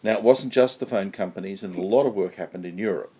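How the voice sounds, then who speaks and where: A man's voice: low-pitched, quick pace, warm tone, slightly rough. Man explaining networking history on a panel. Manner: explains step by step, stressing key points by repeating them. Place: conference panel.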